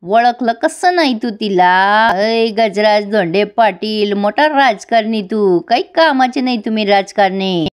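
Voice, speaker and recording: A woman voicing an angry older male village politician who taunts himself in a slow, drawn-out way. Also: medium pitch, lively intonation, clear, resonant tone, lightly acted. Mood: scornful.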